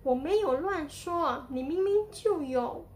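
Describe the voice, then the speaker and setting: A woman's voice: sits high, animated, unhurried, a little hiss or hum. A woman voicing an indignant young boy in a children's story, speaking bluntly and accusingly. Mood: annoyed. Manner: scolding, accusing.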